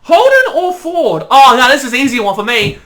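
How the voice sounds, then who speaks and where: A young woman with an Australian accent chats through her followers' questions. Her voice sits high and swings widely in pitch. She rambles, restarts and repeats points as she goes. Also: very animated, a little fast, fairly bright tone. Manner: rambling, repeats herself often. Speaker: YouTuber. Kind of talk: casual Q&A chat.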